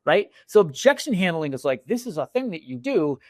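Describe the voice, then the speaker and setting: A man on a podcast talking about selling in casual, animated speech, often restarting sentences and acting out sample lines. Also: high voice, fairly quick, no echo, clean studio sound. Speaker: podcast guest, sales executive. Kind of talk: casual interview talk.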